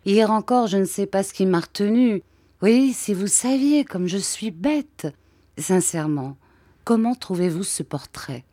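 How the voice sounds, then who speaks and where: A woman's voice: medium pitch, lively intonation, unhurried, warm tone, dry recording, studio quality, voice pushed up. A woman voicing a sorrowful, timid painter. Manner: plaintive, self-deprecating pleading. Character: sad, timid, shy middle-aged male painter.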